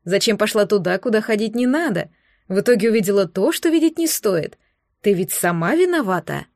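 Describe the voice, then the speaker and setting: A woman voicing a smug, cruel male sorcerer in an audiobook, speaking in a honeyed, sneering, deliberate way. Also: medium pitch, expressive, darkish tone, dry recording, clean studio sound, close to an everyday voice. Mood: menacing. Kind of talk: audiobook character voice.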